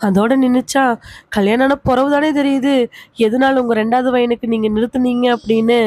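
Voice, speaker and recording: A woman's voice: a little high, steady tone, darkish tone, no echo, close to an everyday voice. A woman voicing a bitter young village wife, accusing her in-laws in a storybook reading. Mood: resentful. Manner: accusing, reproachful, rapid questioning. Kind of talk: audiobook character reading.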